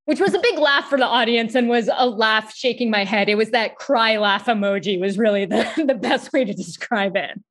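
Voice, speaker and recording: A woman from the United States with a New York accent, hosting a podcast in quick, animated casual conversation and laughing often. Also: on the high side. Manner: fast, animated talker who laughs often. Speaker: podcast host.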